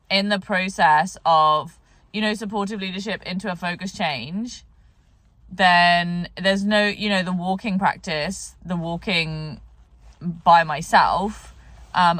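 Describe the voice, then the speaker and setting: A woman's voice: on the low side, fairly bright tone, dry recording. Tired woman musing in a dry, close sound. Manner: rambling, many "like" fillers and restarts. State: tired, yawning. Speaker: horse trainer vlogger. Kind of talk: reflective vlog monologue.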